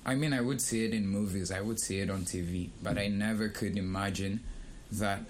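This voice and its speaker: A young man who grew up in Kenya, co-hosting a casual discussion and speaking in a thoughtful, measured way with pauses. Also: lowish voice, steady tone, a little hiss or hum. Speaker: podcast co-host.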